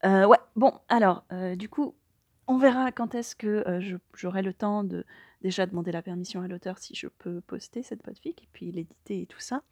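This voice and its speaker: A woman's voice: mid-range voice, steady tone, moderate pace, darkish tone, no echo, studio quality. A young woman in a casual spoken afterword to her podfic reading, rambling and hesitant with many fillers. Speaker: podfic reader.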